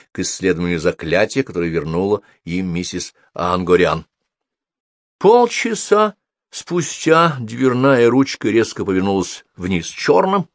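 A man with a low voice reads a storybook aloud, lively and full of swings in tone. He builds tension with a dramatic, expressive delivery. The recording is dry and close, with no room around him. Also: no echo. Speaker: audiobook narrator. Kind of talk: storybook narration.

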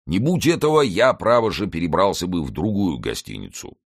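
A man's voice: deep voice, sing-song, a little fast, gravelly, dry recording, studio quality, voice pushed up, exaggerated voice. A man voicing a boastful, pompous, heavyset nobleman in an audiobook, exclaiming grandly. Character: boastful, lordly big male nobleman, loud and pompous.

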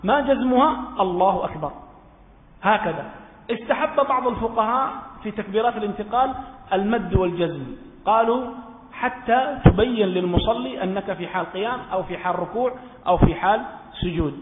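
A man's voice: sits high, a little fast, slight background noise. A man from Yemen giving a religious law lesson. He asks questions and answers them himself, and repeats his key points. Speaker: religious teacher. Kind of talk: Islamic jurisprudence lesson. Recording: echoey hall over a phone-like line.

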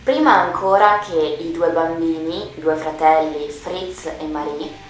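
A woman's voice: low-pitched, slow pace, slight background noise. A woman radio host reading a Christmas tale aloud, narrating it expressively and dramatically as a storyteller. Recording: very echoey room with faint music.

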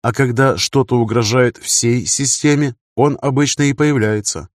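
A man voicing a calm, wise male ruler who speaks in slow, deliberate, lecturing sentences. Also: medium pitch, dry recording, clean studio sound, natural voice. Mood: measured.

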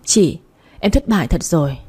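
A woman's voice: lowish voice, lively intonation, normal speed, warm tone, slightly rough. A woman reading the part of a heartbroken young wife who has just lost her baby, speaking tearfully in a storybook narration. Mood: flat, weary. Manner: tearful, pleading.

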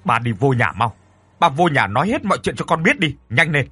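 A man voicing an angry young son who shouts demands at his father. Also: medium pitch, big pitch swings, quick pace, breathy edge, no echo, soft background music. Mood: furious.

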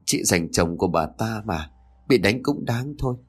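Guy doing a meek young woman, soft, polite, kinda sad. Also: on the low side, animated, moderate pace, slightly rough. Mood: resigned. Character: meek young second wife, quiet and sad.

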